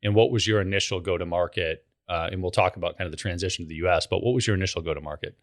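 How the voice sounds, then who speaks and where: A man's voice: low voice, steady tone, racing. A man hosting a business podcast, with an upbeat scripted intro and then casual, rambling questions for his guest. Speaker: podcast host. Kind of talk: interview hosting.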